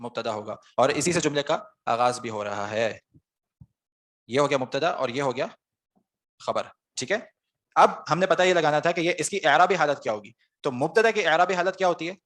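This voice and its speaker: With a voice that is a little high and somewhat bright, a man runs an online Arabic grammar class. He builds explanations step by step and answers the questions he puts to his students.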